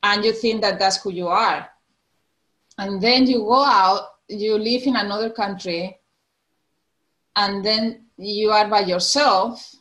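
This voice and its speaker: The audio is poor, but you can hear a medium-pitched, fairly bright voice speaking at a slow pace. She is a Canary Islander in her forties with a Spanish accent, a podcast guest in a casual interview who laughs often and restarts what she's saying.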